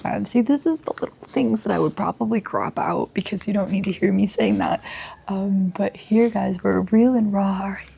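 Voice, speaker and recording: Young woman with a gravelly, mellow voice. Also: medium pitch, normal speed, slight background noise. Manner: relaxed, rambling, thinking aloud with many fillers. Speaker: vlogger. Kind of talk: casual chat while drawing. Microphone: close microphone.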